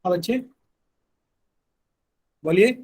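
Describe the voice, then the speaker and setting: A man's voice: high-pitched, slow, a little mellow, slightly rough, rough recording. A man teaching a live online math class, patiently repeating instructions to his students.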